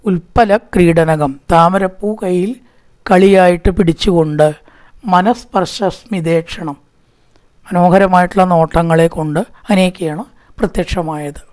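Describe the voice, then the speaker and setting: A man giving a scripture discourse. He intones each Sanskrit verse slowly and deliberately, then drops into an easy, talkative way of explaining its meaning. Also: high voice, fairly even intonation, darkish tone. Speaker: scripture teacher.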